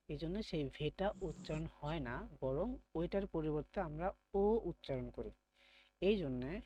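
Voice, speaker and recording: A man's voice: a little high, warm tone. A man teaching an online beginner German class, calling on students by name, praising them and patiently explaining pronunciation.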